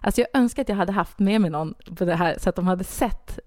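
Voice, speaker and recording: A woman author, a guest, telling a personal story in a casual, animated way, full of fillers and restarts. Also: mid-range voice, dry recording, studio quality. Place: Stockholm studio.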